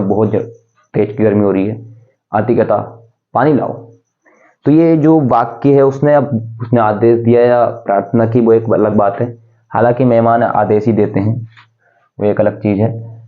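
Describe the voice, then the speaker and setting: A man's voice: fairly low pitch, steady tone, normal speed. A man teaching English grammar to students, explaining step by step and answering his own questions. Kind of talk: classroom lesson. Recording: tinny phone-like sound.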